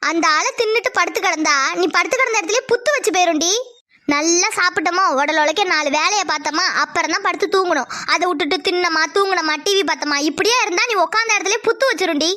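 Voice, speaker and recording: A woman voicing a nagging middle-aged mother in a Tamil cartoon, shrill and threatening as she scolds. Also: fast talker, bright, forceful tone. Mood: scolding.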